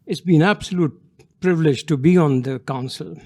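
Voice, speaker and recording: A man's voice: fairly high pitch, normal speed, a little mellow. An older man introducing himself on a conference panel, earnest and loosely phrased. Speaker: panellist, community elder. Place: conference stage.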